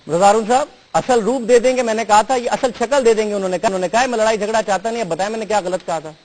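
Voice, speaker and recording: Man, talk show host, fairly high voice, pressing questions, faint background noise. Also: a little mellow, low-quality recording. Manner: pressing, repeats questions, polite address. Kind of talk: news talk show hosting.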